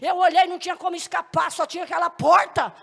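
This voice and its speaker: Woman pastor, high gravelly voice, emphatic testimony sermon in a reverberant hall. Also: steady tone, fast talker. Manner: emphatic, often rising to shouts.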